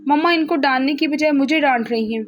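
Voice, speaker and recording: A woman's voice: sits high, a little fast, faint music behind, pitched above the performer's own voice, lightly acted. A woman voicing a spoiled, bossy rich young woman who scolds sharply. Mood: angry.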